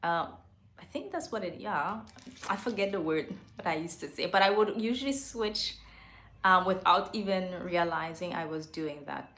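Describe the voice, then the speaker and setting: A woman's voice: on the low side, normal speed, fairly bright tone. A woman hosting a casual face-to-camera livestream from a home studio, chatty, laughing often and correcting herself as she goes. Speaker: livestream host. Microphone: microphone. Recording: roomy echo.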